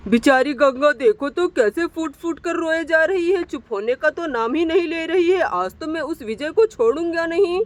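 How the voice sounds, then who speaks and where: A woman voicing an indignant, protective village man in a doll story, shouting threats. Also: extremely high pitch, lively intonation, moderate pace, few pauses. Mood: outraged. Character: righteous angry village man, protective neighbor.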